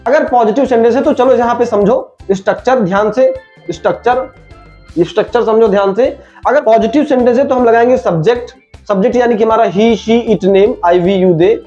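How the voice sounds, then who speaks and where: Speaking fairly quickly in an extremely high, mellow voice, a man runs an online English grammar class, going over every rule twice and addressing the listener as his friend. Faint music plays under the dull, lo-fi sound.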